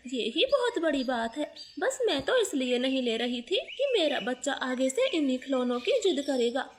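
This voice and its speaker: A woman's voice: high voice, a little hiss or hum. Lady voicing a poor humble crow maid, polite, cartoon story. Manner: humble, deferential.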